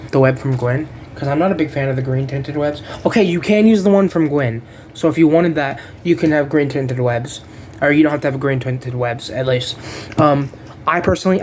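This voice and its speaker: Rambling, laid-back figure reviewer at a middling pitch, loses track of names and swears offhandedly. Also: darkish tone, slight background noise. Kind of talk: casual unboxing review.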